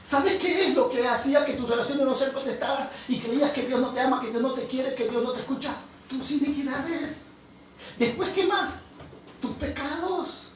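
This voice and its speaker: A pastor with an extremely high-pitched voice preaches an impassioned sermon, speaking fast in a steady tone with few pauses and quizzing his congregation through call-and-response questions. He's in a church hall, recorded from far off with heavy echo and faint noise.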